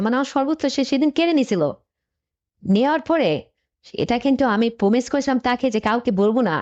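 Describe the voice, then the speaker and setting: A woman tells a dramatic family story in the first person and speaks the characters' quoted lines herself. Her voice sits fairly high and comes through a dull, lo-fi recording. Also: darkish tone. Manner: addresses listeners as friends, quotes each person in turn. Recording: dull lo-fi sound.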